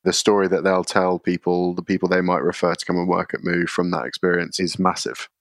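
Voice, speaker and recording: A man, a podcast guest explaining his workplace practices in a measured way, often using fillers. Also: deep voice, fairly even intonation, no room sound, studio quality. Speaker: guest, contact centre leader. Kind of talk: podcast interview answers.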